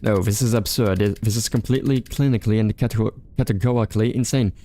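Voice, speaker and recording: A man's voice: fairly low pitch, fairly even intonation, fast, mellow, a little hiss or hum, lightly acted. A man reading a sheepish, nervous girl prisoner. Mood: anxious. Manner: nervous, insecure, clipped. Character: tiny, sheepish, anxious young woman prisoner.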